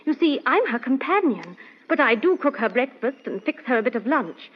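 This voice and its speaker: A young lady's companion speaks in a very high voice on a dull old radio recording. Earnest and chatty, she has a genteel, fluttery manner fitting a vintage radio mystery, and she's very animated at a moderate pace.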